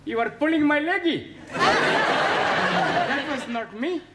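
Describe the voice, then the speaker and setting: An earnest male student who mangles idioms in quirky, broken English. His voice is very high, and a loud hiss runs under it, as on an old TV tape. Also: sing-song, slow pace, exaggerated voice.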